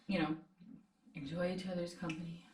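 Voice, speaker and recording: A woman's voice: fairly low pitch, level tone, brisk. A woman co-hosting a casual food vlog, chatty and teasing with an easy laugh. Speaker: vlog co-host. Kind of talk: casual chat. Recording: echoey room, distant mic.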